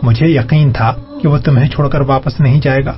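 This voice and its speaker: Man reading sweet caring auntie, soft soothing talk, dull lo-fi audio w faint music. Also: medium pitch, steady tone, close to an everyday voice. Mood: tender. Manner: tender, soothing speech. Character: affectionate middle-aged aunt.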